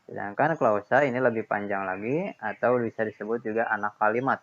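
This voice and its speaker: A man's voice: on the low side, brisk, a bit bright. A man teaching a grammar lesson, explaining patiently and repeating key points with checks like "ya" and "nah". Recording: dull lo-fi sound.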